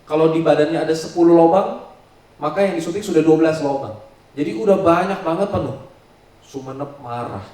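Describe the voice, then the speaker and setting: Pastor guy telling a dramatic sermon story, kinda high voice, super echoey church hall. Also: fairly quick, recorded from a distance. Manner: dramatic storytelling, swings loud and soft.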